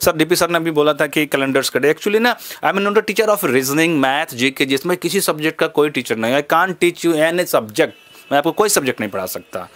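A man's voice: on the high side, lively intonation, moderate pace, a bit bright, no echo. A young man from Bihar teaching as a memory trainer in a live class, rattling off numbers at speed and mixing English into his Hindi. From Bihar, India. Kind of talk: fast live class demonstration.

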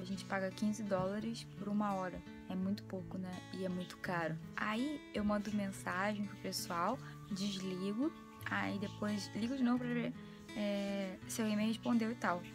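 A woman's voice: medium pitch, fairly even intonation, moderate pace. Chatty self-mocking Brazilian woman vlogger. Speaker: travel vlogger. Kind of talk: casual vlog chat. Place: cruise ship. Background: background music.

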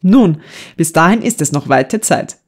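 In an audiobook, a woman voices a stubborn, dramatic young man, the elder son, who grumbles with mock solemnity. Her voice is lowish and expressive, and she keeps a measured pace.

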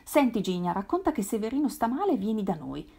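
A woman reading aloud, voicing a brash, worldly young woman who speaks in a brisk, coaxing way. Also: medium pitch, big pitch swings, creaky, dark tone, slightly rough, exaggerated voice. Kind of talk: literary read-aloud.

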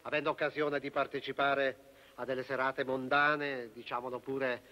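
Actor playing a solemn cardinal. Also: male voice, medium pitch, flat delivery, muffled recording, natural voice. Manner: slow, measured, dignified. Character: solemn male church dignitary, measured.

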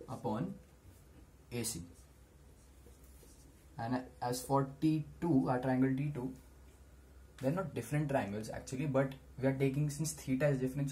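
A young man teaching maths at a whiteboard in a small room, explaining deliberately in short steps. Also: mid-range voice, dark tone. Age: teens to young adult. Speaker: maths tutor. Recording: noisy small-room camera recording.

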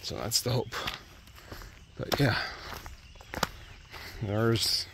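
Speaking extremely slowly with vocal fry, this man in his thirties vlogs his thru-hike along a wooded trail at a medium pitch and fairly even intonation. Background noise comes through the earbud mic as he holds his phone at arm's length, rambling and trailing off with fillers.

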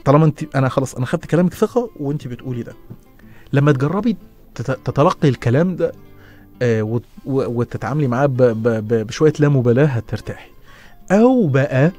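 A middle-aged man with an Egyptian accent, hosting a casual radio advice show and answering listeners, with quick restarts and lively asides. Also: mid-range voice. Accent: Egyptian Arabic. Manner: fast, lively, stumbling restarts and laughs. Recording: radio studio with faint music behind.

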